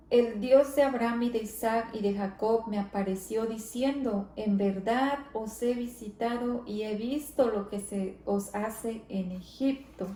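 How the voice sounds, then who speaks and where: A woman leading a church Bible study, speaking slowly and reverently, often adding amén and gloria a Dios. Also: on the high side, warm tone, reverberant. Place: church hall.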